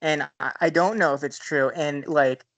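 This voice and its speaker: A man's voice: on the high side, steady tone, normal speed, a bit bright. A man appearing as a podcast guest, talking bluntly in a casual political discussion over a video call and often cutting in. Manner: blunt, interjecting.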